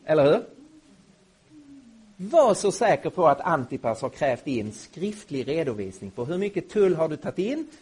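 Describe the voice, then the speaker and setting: A middle-aged man gives a spoken lecture to a group of listeners. His voice is a little husky and sits fairly high for a man. He talks with lively, swinging intonation and drives his points home emphatically. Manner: emphatic, rising to loud indignation. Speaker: Bible teacher. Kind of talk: lecture to a live audience.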